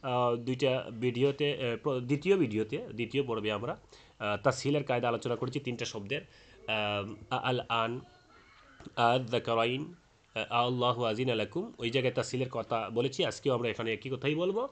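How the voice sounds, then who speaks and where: A man teaching Quran recitation rules in a spoken lesson. He explains slowly, with frequent hesitant fillers, and chants the example words aloud. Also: medium pitch.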